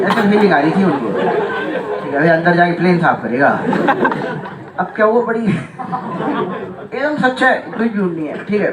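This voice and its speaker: Male teacher, comic classroom storyteller; high, lively pitch; distant echoey hall, loud student crowd behind. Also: heavy background noise. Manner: animated, chuckles often, keeps asking if students follow. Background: students laughing and chiming in.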